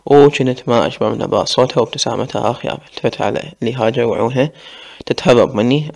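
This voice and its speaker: Man, Iraqi accent, storyteller, rapid delivery, gravelly voice, brooding. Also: mid-range voice. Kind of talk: first-person story narration.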